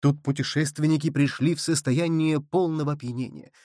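A man narrating a classic adventure novel in a lively, theatrical reading. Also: fairly high pitch, brisk, no echo, studio quality. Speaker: audiobook narrator.

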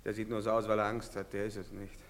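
An actor playing a brutal soldier who shouts harsh commands and mocks his victims, in a radio play. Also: fairly low pitch, monotone, quick pace, long reverb tail, close to an everyday voice. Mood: mocking. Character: brutal barking male soldier, mocking and cruel. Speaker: soldier inspecting villagers.

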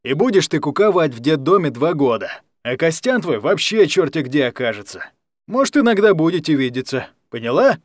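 A man voicing a coarse, mocking male guardian who speaks gruffly and with a sneer, in a read-aloud story. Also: fairly high pitch, sing-song, brisk, dry recording, clean studio sound. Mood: gruff bullying.

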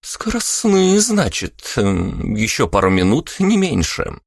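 A man's voice: lowish voice, wildly swooping pitch, slow, gravelly, husky, no room sound, clean studio sound, pitched above the performer's own voice, exaggerated voice. A man voicing a brash, teasing young woman who fights and swears freely, in an audiobook. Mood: mocking. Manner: teasing, crude and bossy. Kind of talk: audiobook character voice.

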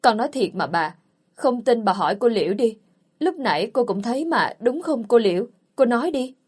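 A woman reading the part of a young servant girl with a shrill voice who loudly tattles. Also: expressive, moderate pace, breathy edge. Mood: timid. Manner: wailing, accusing.

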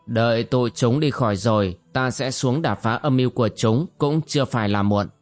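A man reading as a calm young swordsman hero. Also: mid-range voice, fairly quick, faint music behind, lightly acted. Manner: calm, reasoning.

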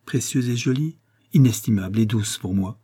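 A man voicing a gentle, sorrowful older mother who speaks softly and gravely, in an audiobook reading. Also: lowish voice. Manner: soft, grave, measured.

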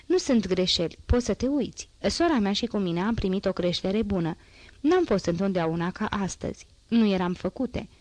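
A woman voicing a poor teenage girl with a hoarse, strained voice, chatty and boastful yet anxious, in a dry audiobook reading. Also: mid-range voice, expressive, darkish tone, no room sound, close to an everyday voice.

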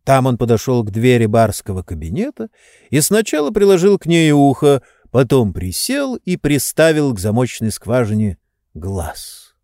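A man narrates an audiobook in a measured, expressive storytelling style. His voice is mid-range, and this scripted reading has clean studio sound with no echo.

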